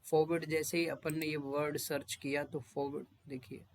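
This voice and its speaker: Higher-pitched man drilling English words. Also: level tone. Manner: repeats each word several times, reads English definitions slowly; homely, conversational asides to students. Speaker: English teacher. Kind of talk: explaining vocabulary and drilling pronunciation.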